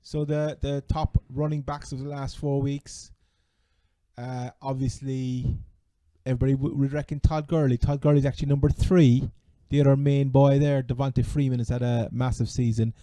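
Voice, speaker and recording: A man with a Cork Irish accent chatting casually as a sports podcast host, halting and repeating words as he goes. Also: mid-range voice, little pitch movement, dark tone, no room sound. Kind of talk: casual fantasy American football chat.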